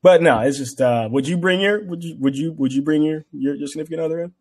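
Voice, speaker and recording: A young man co-hosting a podcast, chatting casually and acting out bits of stories with lively swings in voice. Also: a little high, quick pace, slightly rough. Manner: animated storytelling, acts out quotes. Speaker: podcast co-host. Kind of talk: casual chat.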